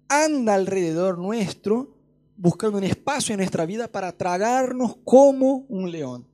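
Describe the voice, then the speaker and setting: A young man preaching his testimony in Rioplatense Spanish, with a high-pitched voice. He tells the story with energy and acts out voices and scenes as he goes. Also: a little mellow. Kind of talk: testimony sermon.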